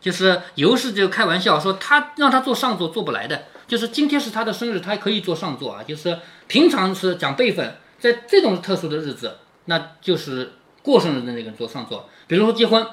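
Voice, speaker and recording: Man, reading and explaining a classic novel, asks the listener for agreement, bright tone, lively pitch. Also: quick pace. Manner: explains each passage, often asks "right?" to the listener. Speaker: reader and commentator of a classic novel.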